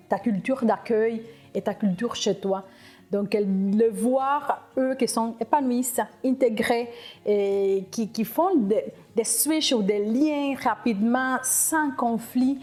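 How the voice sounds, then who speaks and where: A middle-aged woman from Cuba, speaking French, telling her immigration story in an interview, reflective and halting with frequent restarts. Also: a little high, a little mellow. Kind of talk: personal testimony interview.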